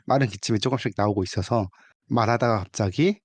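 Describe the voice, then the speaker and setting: A man's voice: lowish voice, fast talker, no echo. A man co-hosting a podcast while getting over a cold, with a lingering dry cough. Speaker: podcast co-host. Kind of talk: casual podcast chat.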